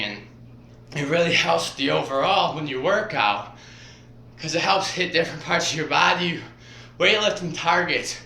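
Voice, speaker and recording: A man talking casually while demonstrating stretches, out of breath and rambling in halting phrases strung together with "and". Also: a little high, gravelly, sharp tone. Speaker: vlogger. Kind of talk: casual exercise demonstration vlog. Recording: roomy echo, faint background hiss.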